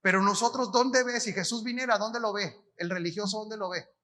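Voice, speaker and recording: An apostle with a Mexican Spanish accent preaches a conference sermon in a high, steady, brisk voice that sounds pushed and bright. He talks colloquially, asking the audience questions and answering them himself.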